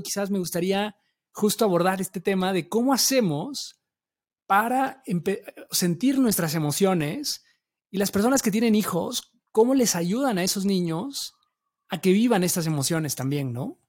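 A man's voice: high-pitched, animated, normal speed, a little mellow. A man in his thirties with a Mexican accent, hosting a podcast in a casual, slangy way full of fillers. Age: 30s. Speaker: podcast host. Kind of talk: casual interview talk.

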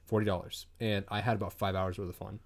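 Laid-back, low-voiced young man. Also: flat delivery, fast talker. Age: 20s. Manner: rambling, swears a lot, many fillers. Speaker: podcast co-host. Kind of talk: casual chat.

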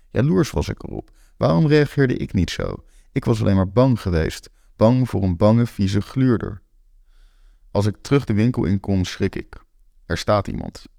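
A man narrating a first-person story in a blunt, matter-of-fact way. His voice sits very low, with a gravelly rasp, and the recording is close and dry with no room sound. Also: dark tone, dry recording.

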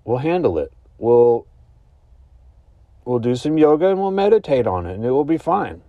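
A man hosting a comedy podcast, ranting in a deadpan, mock-earnest way with sudden high-pitched outbursts. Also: moderate pace, dry recording, phone-quality sound. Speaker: podcast host. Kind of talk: comedic mock-anxious rant.

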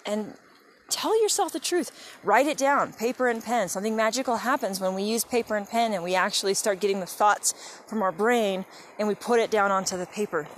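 A woman's voice: medium pitch, a little fast, a little hiss or hum. A mother talking casually and encouragingly to her viewers while out on an early morning walk by a creek. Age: adult mother of young kids. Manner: chatty, encouraging, talks directly to viewers. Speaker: vlogger. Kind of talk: casual motivational vlog. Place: outdoors by a creek in the woods.

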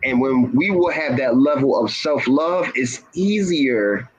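Man, husky, mid-pitched, earnest, motivational, measured delivery. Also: animated, lo-fi sound. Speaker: guest speaker. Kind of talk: inspirational talk-show conversation.

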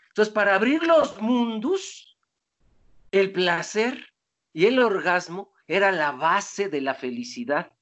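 A speaker lecturing to an audience in a loose, conversational way. The voice sits at a middling pitch and rises and falls widely, and key words are drawn out slowly for weight. Rhetorical questions come often and get answered right away. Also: muffled recording. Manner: animated, digressive, asks rhetorical questions and answers them.

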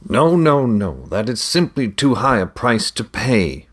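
A man's voice: medium pitch, very animated, a little slow, fairly bright tone, voice pushed up. A man voicing a shrewd older merchant who haggles with theatrical flair in a read-aloud story. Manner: theatrical, bargaining.

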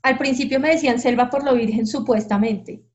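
Woman, candid podcast guest, slightly high voice, muffled lo-fi sound. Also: a little fast. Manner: frank, animated, acts out quoted voices. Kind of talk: candid storytelling. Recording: dull lo-fi sound.

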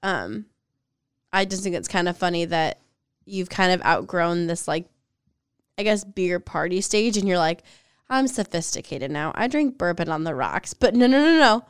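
Young woman, podcast co-host, playful teasing chat, smooth voice, close dry sound. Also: lowish voice, very animated, moderate pace, no echo. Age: 20s. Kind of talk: casual chat.

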